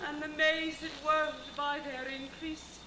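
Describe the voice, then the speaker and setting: A woman's voice: sits high, little pitch movement, slow. A woman playing a proud, scornful fairy queen in hammy, theatrical Shakespearean stage style, projecting and drawing out her words. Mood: grave reproach. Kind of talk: outdoor stage performance of Shakespeare. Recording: echoey, noisy distant outdoor theatre recording.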